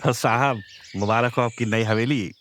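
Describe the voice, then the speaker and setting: A man's voice: mid-range voice, fairly even intonation, normal speed, a bit bright, slight background noise, lightly acted. A man voicing an eager, fawning property broker in a horror audio drama. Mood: salesy. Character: pushy smooth-talking male property broker.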